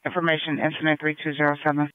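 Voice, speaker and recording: A man working as a police dispatcher who reads out vehicle descriptions, plates and incident numbers in a steady, businesslike way over a scanner radio crackling with static. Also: on the high side, rapid-fire, dry recording, phone-quality sound. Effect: police scanner radio with static bursts.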